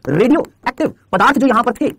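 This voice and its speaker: A man gives a fast lecture in a high, husky voice, and his pitch swings widely. He keeps firing questions at his class and answering them himself in a repetitive coaching tone. The sound is close and dry. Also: sing-song, a bit bright, no room sound. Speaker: teacher.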